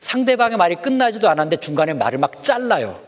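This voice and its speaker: A man giving a children's sermon, speaking in an animated way and asking the kids questions as he goes. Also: high-pitched, fast talker. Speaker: children's preacher.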